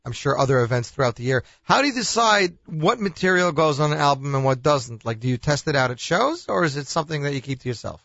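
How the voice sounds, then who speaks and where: A male radio host with a somewhat high voice asks his guest questions in a relaxed, conversational way and often cuts in with quick acknowledgments. The recording is dry and slightly dull, like lo-fi radio audio. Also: vocal fry, no echo. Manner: conversational, frequent short acknowledgments. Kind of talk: radio interview.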